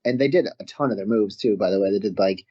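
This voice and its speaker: A Canadian-accented wrestler, appearing as a guest in a casual interview, tells stories fast in a fairly low voice. He's animated and often laughs in the middle of a story, and the audio is slightly muffled.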